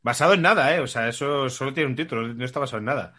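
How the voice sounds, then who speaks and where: Bright-voiced Spanish man hosting a chat. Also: mid-range voice, rapid-fire. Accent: Spain. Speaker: podcast host.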